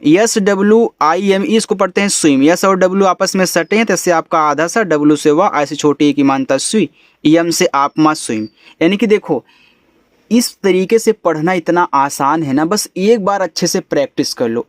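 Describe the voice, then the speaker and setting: A man's voice: fairly high pitch, no echo, clean studio sound. A man teaching English, spelling out each word letter by letter and explaining its meaning patiently. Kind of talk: spelling out and reading a story word by word.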